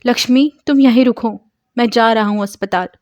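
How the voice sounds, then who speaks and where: A woman reading a story aloud, voicing a playful young man who teases his family and later shouts in panic. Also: fairly high pitch, moderate pace, dry recording, clean studio sound, pitched above the performer's own voice, lightly acted. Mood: urgent. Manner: teasing, then frantic shouting. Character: young man, joking, protective brother figure.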